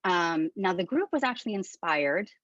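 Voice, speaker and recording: A woman's voice: fairly low pitch, expressive, normal speed, a bit bright, no echo. Woman in her thirties on a muffled call. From Philippines. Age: 30s. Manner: candid and conversational. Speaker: webinar speaker. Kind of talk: informal webinar presentation. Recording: dull lo-fi dry call audio.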